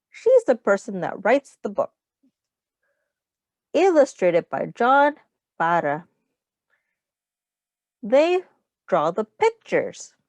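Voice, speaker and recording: Reading aloud from a picture book, a female teacher talks to young children in simple terms and breaks off now and then to ask them things. She speaks at medium pitch, recorded dry.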